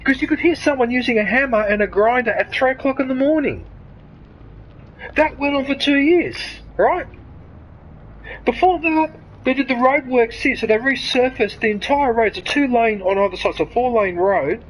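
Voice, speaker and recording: During a live game stream, a streamer from Sydney, Australia chats in a mid-range voice at a moderate pace. The headset-mic audio is poor with slight background noise, and the talk is a rambling rant peppered with swearing and quick apologies.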